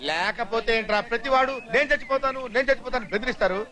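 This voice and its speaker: An actor dubbing a boisterous male teacher in a comic film, joking and mocking in rapid banter. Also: extremely high pitch, sharp tone. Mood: teasing. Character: boisterous teasing male teacher giving love advice.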